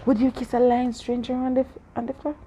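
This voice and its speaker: After a story reading, an aunt discusses it casually with a child, asking questions, laughing often and playfully challenging the answers. Her voice is on the high side and warm, delivered flatly at a quick pace, with slight background noise.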